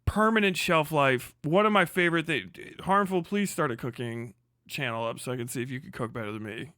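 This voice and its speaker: A man hosts a casual livestream, joking and swearing as he comments and often stumbling over repeated words. His mid-range voice has a sharp tone, captured with studio quality and no room sound.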